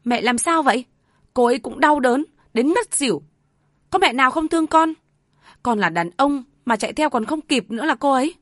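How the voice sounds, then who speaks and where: A woman's voice: medium pitch, normal speed, pauses often, a little mellow, no echo, studio quality, close to an everyday voice. A woman reading aloud voices a worried young husband who comforts his wife and speaks up for her. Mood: tense soothing. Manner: soothing but tense.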